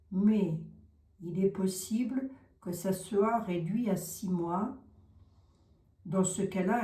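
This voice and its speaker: A woman's voice: mid-range voice, dark tone, reverberant. A middle-aged woman giving a casual tarot reading, chatty and frank, with mocking asides. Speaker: tarot reader.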